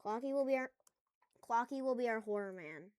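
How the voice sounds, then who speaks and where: A woman's voice: a little high, animated, brisk, darkish tone, dry recording. A woman at home making a casual coding tutorial, rambling through jokey asides as she works. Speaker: tutorial maker.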